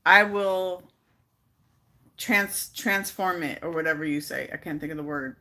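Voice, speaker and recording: A woman's voice: on the low side, a little slow, bright, forceful tone. A woman hosting a casual live stream, chatting with viewers and growing exasperated as she repeats her questions. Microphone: phone.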